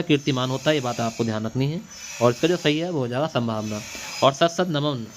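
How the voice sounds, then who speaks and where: A male teacher giving an exam-prep Hindi lesson, repeating answers and quizzing students back on them. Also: mid-range voice. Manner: repetitive, drilling answers with quiz-back questions. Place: classroom or home studio at night. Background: faint hiss of a machine running nearby.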